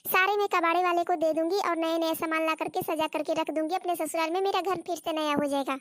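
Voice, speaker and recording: A scatterbrained young daughter-in-law from a cartoon story, insisting on her own way and explaining at length, as a woman voices her. Her voice is very high and squeaky. It is recorded dry and close. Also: fairly even intonation, brisk, fairly bright tone, no echo. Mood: insistent. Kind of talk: Hindi cartoon story voice acting.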